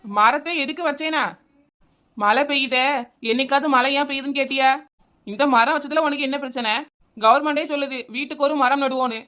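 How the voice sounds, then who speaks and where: A woman's voice: high-pitched, a little fast, long pauses, bright, forceful tone. Woman playing a sassy stubborn neighbour. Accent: Kanyakumari Tamil. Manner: sassy backtalk, mocking.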